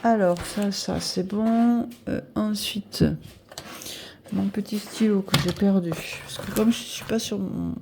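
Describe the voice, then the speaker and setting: A woman in her fifties talking casually to camera through her weekly budget, a bit nasal, chatty and hesitant, filling pauses while she adds up sums aloud. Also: mid-range voice, steady tone, gravelly, noisy background. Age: 50s. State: nasal from air conditioning. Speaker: budget vlogger.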